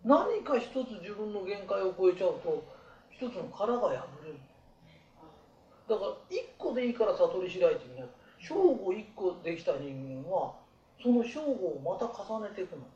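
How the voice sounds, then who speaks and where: A man giving life advice to a small group in blunt, rough, colloquial talk. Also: high voice, big pitch swings, normal speed, darkish tone, echoey room, lo-fi sound, slight background noise.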